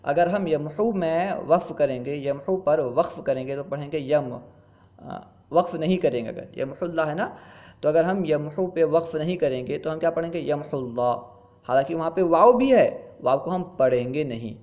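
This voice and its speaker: A man teaches a Quran recitation lesson, explaining rules patiently. His voice sits a little high, and he stretches out the Arabic example words in a slow chant. The recording sounds dull and muffled. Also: lively intonation.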